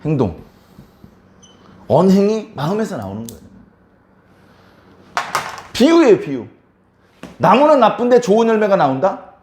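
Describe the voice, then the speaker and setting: A man's voice: high voice, wildly swooping pitch, measured pace, pauses often, a little mellow, echoey room, slight background noise. A male pastor preaching a sermon, repeating key words for emphasis and putting questions to the congregation.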